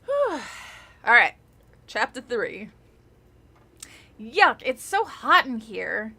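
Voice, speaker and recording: On the high side and very animated, this streamer's voice is pushed, bright and husky, with drawn-out words and vocal fry. The young woman is casually reading a children's horror book aloud, giggling and chatting between passages, a little groggy after a long day of talking.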